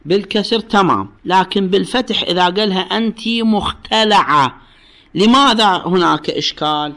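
An Iraqi man teaching religious law in a lecture. His voice is a little high for a man, with a gravelly, fry-laden edge. He explains patiently, says the key phrases twice and keeps asking his students questions. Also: expressive, brisk, a bit bright. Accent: Iraqi Arabic. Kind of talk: classroom lecture on jurisprudence.

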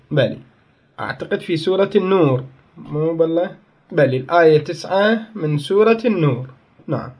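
A man teaching a grammar lesson. He explains step by step, asks questions and answers them himself, and tells his students to pay attention and write things down. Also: a little high.

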